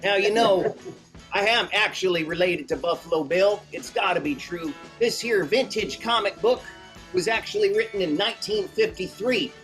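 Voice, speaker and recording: A man's voice: high-pitched, normal speed, fairly bright tone, low-quality recording. A man working as a stage magician and host, giving folksy, theatrical Old West show patter in the hammy manner of a kids' party magician. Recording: music playing behind the voice. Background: show music.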